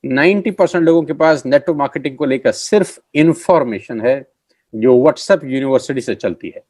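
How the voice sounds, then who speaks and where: Man, middle-aged, motivational sales pitch, emphatic and repetitive, dry close sound. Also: normal speed, darkish tone, no room sound. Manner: emphatic, repeats key phrases. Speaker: network marketing trainer.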